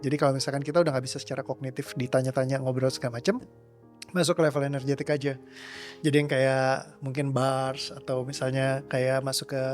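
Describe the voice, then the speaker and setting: A young trauma release coach answers interview questions, rambling casually and working English words into his speech. He has a mid-range, slightly mellow voice.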